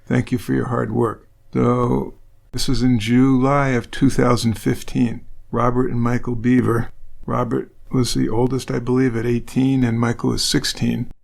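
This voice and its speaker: A man's voice: mid-range voice, level tone, normal speed, vocal fry. A man co-hosting a true crime podcast, laconic and matter-of-fact as he reads emails and recounts cases. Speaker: podcast co-host. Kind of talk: casual true crime chat.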